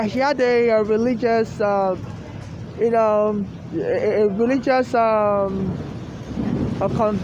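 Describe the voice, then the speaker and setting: A woman from Africa giving a rambling, aggrieved personal monologue, halting and often repeating herself, outdoors in the rain. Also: fairly high pitch. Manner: repetitive, halting and restarting, aggrieved. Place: outdoors on a city street in the rain. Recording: noisy outdoor street with traffic.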